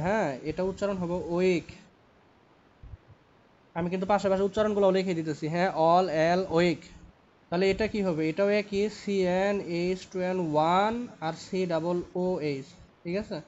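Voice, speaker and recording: A man's voice: sits high, fairly even intonation, moderate pace, darkish tone. A young man teaching chemistry, repeating points and checking in with tag questions. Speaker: chemistry tutor. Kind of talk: lecture at a whiteboard. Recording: dull lo-fi recording.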